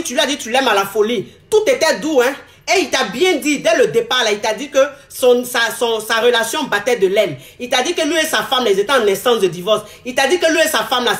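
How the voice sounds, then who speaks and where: A woman with a high voice delivers a frank, expressive monologue of relationship advice. She hammers her points by repeating them and acts out the words of the people she quotes. The sound bounces around an echoey room. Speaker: advice speaker.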